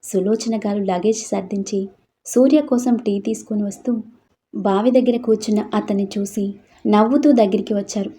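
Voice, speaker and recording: A woman storyteller reading a scripted story in a steady, expressive way. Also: mid-range voice, normal speed.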